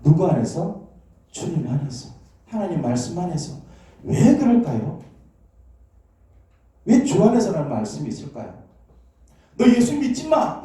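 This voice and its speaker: Preaching from a church sanctuary, this pastor's warm voice sits on the high side. He uses call-and-response, asking questions and prompting amens to engage the congregation, and the distant mic catches the hall's echo.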